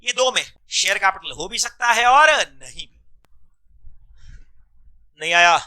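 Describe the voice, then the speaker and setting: A male teacher with a very high, sharply bright voice runs a classroom lecture. He fires quick repeated questions at his students and slips English terms into his Hindi. His tone is clear and resonant. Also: lively intonation. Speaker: commerce law teacher.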